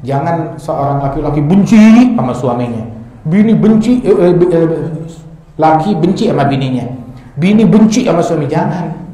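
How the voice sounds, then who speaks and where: A man's voice: fairly high pitch, animated, moderate pace, mellow. A male preacher who tells a slangy story in his sermon and acts out the people in it. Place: religious gathering in a large echoing hall. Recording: very echoey hall.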